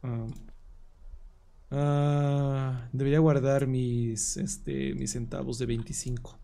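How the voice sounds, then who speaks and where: A man's voice: mid-range voice, little pitch movement, takes it slowly, vocal fry, mellow. A man streaming a horror game live, thinking aloud as he plays. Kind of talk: live gameplay commentary.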